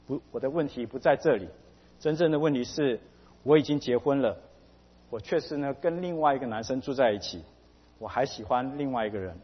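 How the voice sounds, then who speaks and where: A man quoting, in his own husky voice, a troubled married woman who anxiously asks a pastor for help, recorded dull with a long hall reverb. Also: mid-range voice, expressive, a little fast. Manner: anxious, hesitant pleading.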